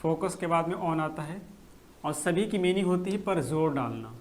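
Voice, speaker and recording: A man teaching English grammar in a live online class, answering viewer comments and slowly repeating key phrases. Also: on the high side, a little hiss or hum.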